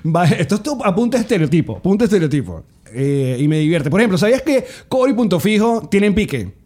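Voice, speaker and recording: A man's voice: a little high, a little mellow. A man with a Venezuelan accent, co-hosting a comedy podcast in casual chat, rambling with many restarts and frequent laughs. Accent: Venezuelan Spanish. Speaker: podcast co-host and stand-up comedian.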